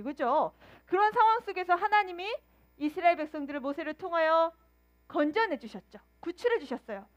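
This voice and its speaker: Very high-pitched lively woman preacher. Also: dull audio. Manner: animated storytelling, acting out quoted voices; asks the children questions. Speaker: children's ministry preacher. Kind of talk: children's sermon.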